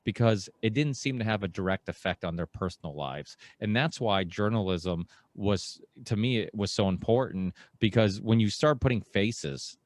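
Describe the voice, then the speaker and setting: A man in his thirties hosts a podcast from a small home studio, speaking into a boom mic with headphones on. His voice sits a little low and sounds very dry and close. He talks in an animated, rambling way and slips into mocking asides. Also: moderate pace, few pauses, no echo. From Portugal. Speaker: podcast host. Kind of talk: casual interview chat. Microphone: headset and studio microphone on boom arm.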